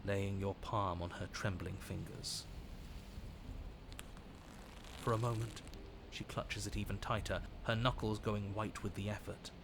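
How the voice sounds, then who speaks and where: An actor playing a measured, faintly menacing game narrator, telling a dramatic story in the second person. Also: male voice, fairly low pitch, steady tone, creaky, noisy background. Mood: grave, hushed. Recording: music behind the voice. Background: music.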